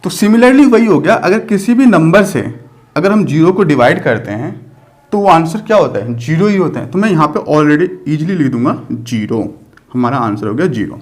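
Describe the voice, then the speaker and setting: A man's voice: on the high side, lively intonation, normal speed. A man teaching a math lesson, walking through each step patiently and asking the class rhetorical questions as he goes.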